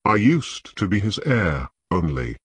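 A man voicing a timid, tearful fat young nobleman recruit who talks in halting, apologetic stammers. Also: on the low side, big pitch swings, a bit bright, husky, dry recording, exaggerated voice. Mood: nervous.

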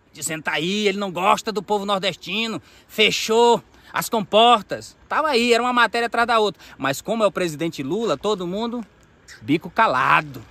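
A man's voice: high-pitched, pushed and bright, dry recording. A man, recording an outdoor political vlog on a phone by a dam, speaking combatively and calling out the president. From Maranhão, Brazil. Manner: combative, addresses the president directly, gestures emphatically. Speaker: political vlogger. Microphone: phone camera, selfie framing.

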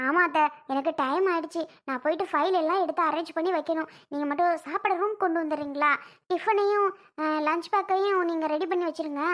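Someone doing a whiny bossy young wife, super high bright voice, family skit. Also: fast talker. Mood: fussy.

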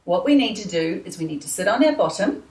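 A woman leading a children's dance class, talking to young kids in a slow, sing-song, encouraging way. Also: mid-range voice, lively intonation, darkish tone. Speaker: children's dance and gym teacher. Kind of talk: leading a kids' movement class. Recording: echoey room, voice from far off, faint music.

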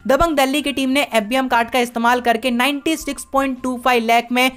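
A woman gives a brisk voice-over recap of auction results. Her voice sits slightly high and she keeps a steady listing rhythm, dropping English words into Hindi sentences. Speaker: sports video narrator.

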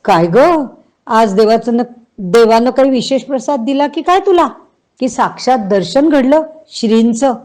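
A woman voicing a blunt, outspoken older aunt who teases and scolds loudly, in a read-aloud novel. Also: a little high, moderate pace, voice pushed up, lightly acted. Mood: teasing, scolding. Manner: loud, scolding, exclaiming.

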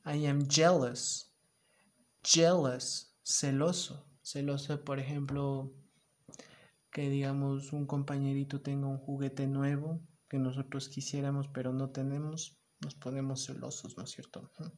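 A man's voice: mid-range voice, completely flat delivery, moderate pace, warm tone. A man teaching an online lesson to young children, acting out emotions and repeating the English words emphatically.

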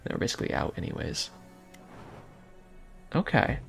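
A soft-spoken young man giving casual, rambling gameplay commentary with jokey asides. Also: normal speed, soft background music. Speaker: gaming YouTuber.

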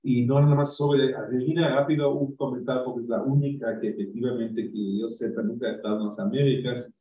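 A man's voice: medium pitch, fairly even intonation, brisk. A man presenting a book at an academic conference, talking off the cuff in a digressive way, with many tag questions and restarts. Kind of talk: spontaneous academic talk. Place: university venue. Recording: roomy, distant, dull live-stream audio.

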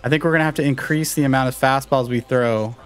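A young man giving live commentary on a baseball video game he is playing, talking to his viewers and reacting loudly to each play, with faint music behind him. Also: mid-range voice, quick pace, clean tone. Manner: excitable, talks to viewers while playing. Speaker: gaming YouTuber.

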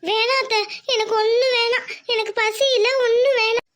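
High, bright cartoon wife, weary, stubborn, refusing help, voiced by a woman. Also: little pitch movement, normal speed. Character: proud, stubborn sick village wife. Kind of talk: cartoon voice acting.

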